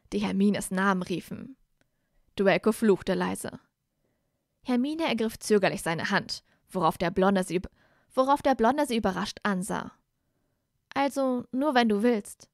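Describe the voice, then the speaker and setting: A woman's voice: mid-range voice, no echo. Woman reading a story live, dry sound. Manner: frequent restarts and self-corrections. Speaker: audiobook reader. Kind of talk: live reading of fan fiction.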